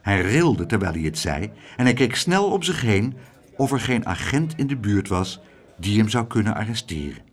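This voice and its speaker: Very animated male storyteller. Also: fairly low pitch, normal speed. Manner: lively, expressive reading. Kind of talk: storybook narration.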